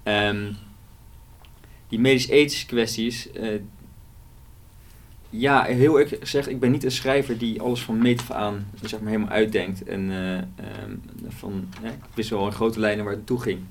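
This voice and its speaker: A man's voice: on the low side, fairly even intonation, normal speed, slight background noise. A man, an author, talking through his novel in a casual interview, hesitant and full of fillers. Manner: hesitant, many fillers and restarts.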